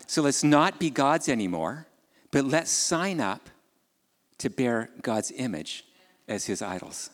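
A male pastor gives a sermon in an easy, conversational manner, putting questions to his listeners and stepping aside for informal remarks. His voice sits at an ordinary middle pitch. The sound carries a long reverb, as in a large church hall. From Ukraine.

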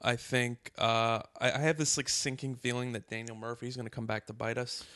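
A man on a casual podcast, telling a story with lots of profanity, restarts and fast asides. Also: mid-range voice, little pitch movement, bright, forceful tone, dry recording, clean studio sound. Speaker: podcast co-host. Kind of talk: casual chat.

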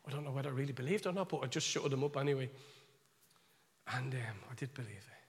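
A man with a Dublin Irish accent, telling a story in a sermon, chatty and animated, with asides to his listeners. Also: mid-range voice, fast talker, slightly rough. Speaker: preacher. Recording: long reverb of a large hall.

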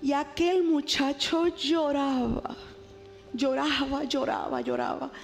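A woman's voice: sits high, takes it slowly, gravelly, long reverb tail, soft background music. A woman preacher telling a personal testimony to her congregation in a dramatic storytelling way, urging them on. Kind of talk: testimony sermon.

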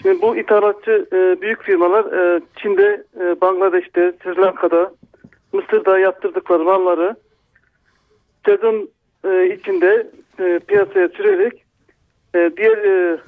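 A shopkeeper calling a radio show over a landline phone, speaking in slow, halting phrases. His voice sits high for a man, and the line sounds thin and dry, like a phone. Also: no echo, narrow, tinny audio. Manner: halting, slow, many pauses.

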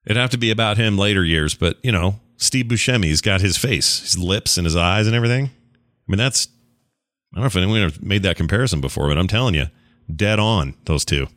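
A man's voice: lowish voice, a little fast, a bit bright, no room sound. A man hosting a casual reaction to an old TV show, rambling with joking asides. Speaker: reaction host.

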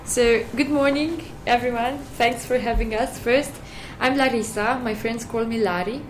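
A woman's voice: a little high, unhurried, a little hiss or hum, poor audio. A young woman from Romania with a Romanian accent, speaking English as a guest in an interview, earnest and careful, with small restarts. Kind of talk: casual interview talk.

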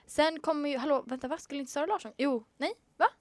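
A teenage girl co-hosting a casual podcast in a small studio, laid-back and teasing, often trailing off quietly. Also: sits high, dry recording.

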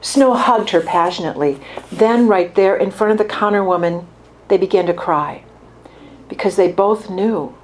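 Woman calmly reading her fiction aloud. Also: medium pitch, moderate pace.

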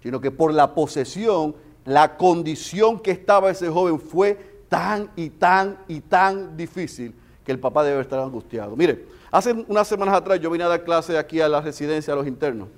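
A man preaching a sermon with passion, swinging between loud emphasis and hushed storytelling. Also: a little high, normal speed. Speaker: pastor.

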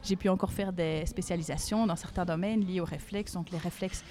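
A woman, a speech therapist explaining her work in a podcast interview, calm and hesitant with many fillers. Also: on the low side, fairly quick.

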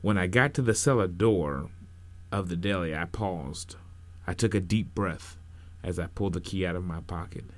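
A man narrating a first-person story in an unhurried, expressive storytelling manner. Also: low-pitched.

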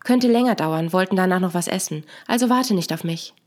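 A woman's voice: on the low side, brisk, close to an everyday voice. A woman voicing a puzzled, defensive young man. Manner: defensive, plain.

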